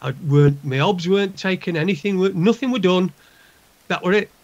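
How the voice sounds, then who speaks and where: A lo-fi internet call carries a gruff man with a Northern English accent. He sounds under the weather and speaks in a fairly high register, venting in blunt, sweary, casual talk. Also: a little fast, a little mellow. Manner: heavy swearing, blunt, aggrieved. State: unwell, recovering from a hospital procedure. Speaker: guest calling in.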